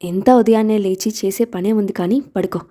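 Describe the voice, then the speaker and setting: A woman reading a storybook who voices a calm, loving young father, gentle and teasing when he speaks. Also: mid-range voice, brisk, natural voice.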